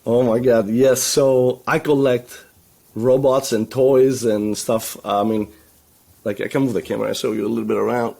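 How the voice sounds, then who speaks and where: Speaking as a guest over a relaxed video call, a web agency founder originally from Greece sits in a home room crowded with toy shelves. His warm, steady, middle-pitched voice has some vocal fry and a moderate pace, and he rambles with frequent restarts, "you know" fillers, and ready laughter.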